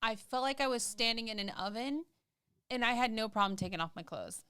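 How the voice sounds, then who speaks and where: A woman's voice: fairly high pitch, expressive, a little fast, bright, forceful tone, clear, resonant tone, no room sound. A woman co-hosting a casual podcast chat, chatty and jokey, laughing often. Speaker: podcast co-host.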